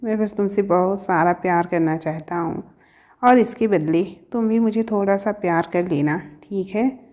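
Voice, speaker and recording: A woman's voice: medium pitch, normal speed, warm tone, lightly acted. A woman voicing a teasing young professor in love. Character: young man, a professor, earnest and teasing lover. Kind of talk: storybook reading.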